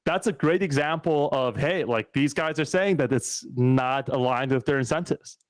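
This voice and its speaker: A man's voice: mid-range voice, moderate pace, no room sound. A man from the United States, a guest on an interview podcast, talking candidly and thoughtfully with plenty of fillers and restarts. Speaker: podcast guest, startup founder. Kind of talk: casual conversational interview.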